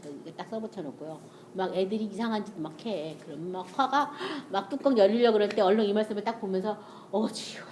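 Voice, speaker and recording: Brief: middle-aged woman, church testimony talk, warm mellow tone, lively storyteller, faint room noise. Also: medium pitch, fast, hardly any pauses. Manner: animated storytelling, acting out family dialogue, frequent laughter. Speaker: church speaker sharing testimony. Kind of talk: testimony-style sermon talk.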